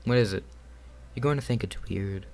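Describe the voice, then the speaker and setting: A man's voice: on the low side, moderate pace, darkish tone, lightly acted. A man voicing a shy, nervous young woman, reading her lines in a hesitant, stammering way in a game.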